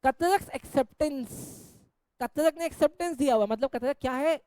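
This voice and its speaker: A man's voice: very high-pitched, normal speed, a little mellow. A man teaching an accounts class, jokingly scolding and teasing his students while he explains. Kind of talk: Hindi-English accounts lecture.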